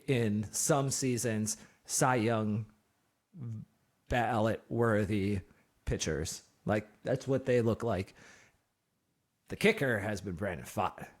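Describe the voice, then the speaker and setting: A man's voice: mid-range voice, slow. A man hosting a casual sports podcast, rambling with lots of fillers and frequent laughter. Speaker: podcast host. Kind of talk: casual chat.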